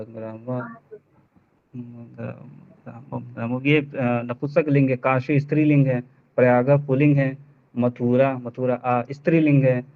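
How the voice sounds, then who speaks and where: A man student reciting answers in an online class, halting and hesitant, often repeating words. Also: mid-range voice. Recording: tinny phone-like call audio.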